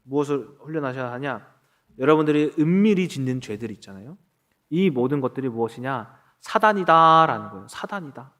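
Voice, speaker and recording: A man's voice: mid-range voice, lively intonation, brisk, fairly bright tone. A man in his thirties preaching a sermon as pastor, acting out quoted dialogue as he goes.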